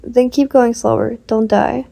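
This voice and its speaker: A woman doing a stern, quiet girl, curt replies, mellow higher voice, storybook reading. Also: fairly even intonation, measured pace, vocal fry, heavily acted. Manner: curt, muttering.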